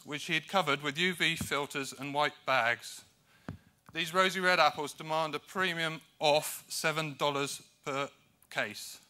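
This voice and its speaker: A man's voice: fairly high pitch, pushed and bright. A man from the United Kingdom giving a conference presentation, with dry, self-deprecating humour and hesitant fillers between points. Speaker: conference speaker.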